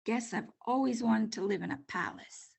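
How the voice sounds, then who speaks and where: A woman's voice: a little high, moderate pace, creaky, a little mellow, breathy edge, exaggerated voice. A woman voicing a small toy bear in a storybook, innocent and eager, musing to himself in wonder. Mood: wondering, delighted.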